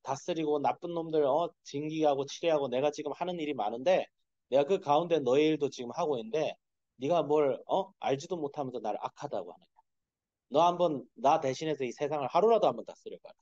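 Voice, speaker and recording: A man's voice: a little high, fairly quick, mellow, dry recording, close to an everyday voice. Man doing a stern God, blunt, scolding, challenging, dry close sound, dull lo-fi.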